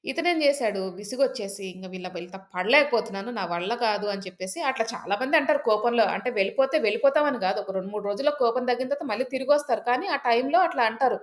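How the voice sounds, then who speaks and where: Woman storyteller, folk tale, chatty, fillers and asides, rapid pace, fairly high voice.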